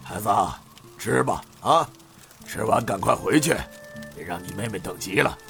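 A man voicing a kindly, warm-hearted aging innkeeper who talks in a fatherly, sighing, emotional way. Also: on the low side, animated, moderate pace, creaky, faint music behind. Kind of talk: storytelling with voiced characters.

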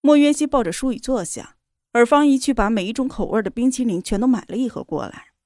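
A woman reading a romance novel aloud in a steady, even storytelling voice. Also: on the high side, fast, no room sound, studio quality. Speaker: narrator. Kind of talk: scripted novel narration.

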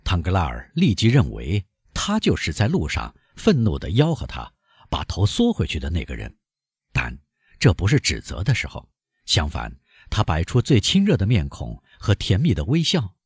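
A man narrating a novel as an audiobook, with an expressive storytelling delivery. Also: deep voice, moderate pace, slightly rough, no room sound, studio quality.

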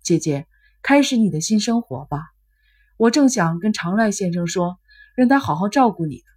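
A guilt-ridden young man speaks in a flat, subdued way, as a woman reading a novel puts him on. The voice is husky and breathy. He sounds withdrawn and weary. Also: mid-range voice, moderate pace. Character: troubled young man on the phone, remorseful, withdrawn.

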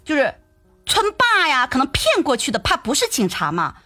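A young woman telling a personal story in a lively, chatty way, repeating words and asking her listeners questions. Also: high voice, normal speed, soft background music. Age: young adult. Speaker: storyteller addressing her audience.

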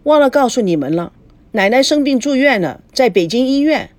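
A woman's voice: high voice, sing-song, a little fast, darkish tone, no echo, pitched above the performer's own voice. Woman doing a willful, curt young daughter.

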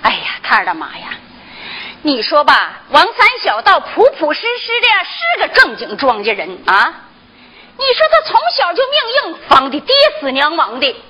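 A woman's voice: sits high, huge pitch swings, normal speed, sharp tone, a little hiss or hum, heavily acted. An actress playing a worried, pleading mother of a sick girl in northeastern folk opera dialogue, with a Northeast Chinese accent. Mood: fretful.

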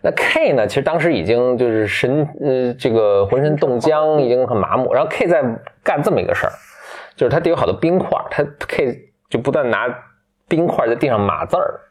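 A man casually retelling a fairy tale from memory, loose and halting, with many restarts and fillers. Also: mid-range voice, animated. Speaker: storyteller.

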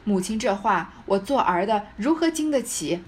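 Humbled son voiced by a woman, slow, deferential, pleading. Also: mid-range voice, animated, a little mellow, slight background noise, natural voice. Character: humbled middle-aged son, dutiful and pleading.

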